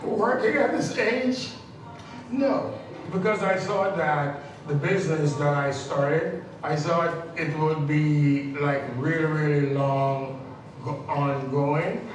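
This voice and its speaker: Man in his seventies, slow halting short phrases, higher voice, echoey distant recording. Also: slight background noise. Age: 70s. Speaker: milliner. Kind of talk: interview.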